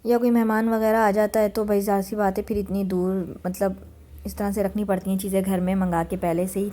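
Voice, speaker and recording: A woman's voice: mid-range voice, mellow. A woman in her thirties narrating her home cooking in a chatty, homely voice-over, mixing English words into her talk. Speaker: cooking vlogger. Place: home kitchen.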